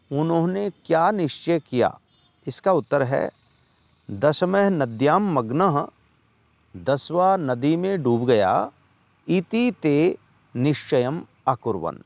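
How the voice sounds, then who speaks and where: Male teacher, patient, line-by-line lesson, very slow, dry close sound. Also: a little high, gravelly, dry recording. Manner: reads a line, then translates it slowly and patiently. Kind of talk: classroom lesson explaining a textbook chapter.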